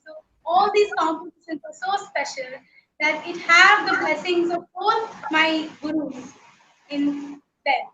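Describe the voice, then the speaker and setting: A Kathak dancer, a woman, speaking slowly and carefully before reciting dance syllables. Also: very high voice, pushed and bright, muffled recording, a little hiss or hum. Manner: slow, measured, grateful speech. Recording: roomy sound from a distance.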